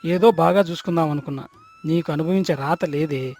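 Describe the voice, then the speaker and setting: A man telling an animated moral story and voicing the characters in a lively, dramatic way. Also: on the high side, fairly quick, soft background music.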